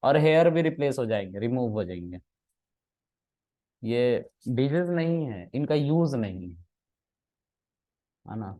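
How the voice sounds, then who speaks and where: A man's voice: medium pitch, expressive, slow pace, pauses often, warm tone, muffled recording. A man teaching a class as their trainer, teasing his students in playful, casual banter and mixing in English words.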